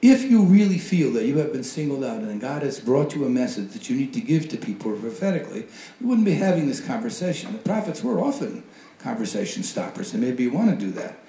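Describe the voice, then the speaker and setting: A man's voice: mid-range voice, big pitch swings, fairly quick, mellow. A man giving a wry, conversational talk on a panel, acting out quoted voices in asides. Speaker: panel speaker. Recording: roomy hall recording.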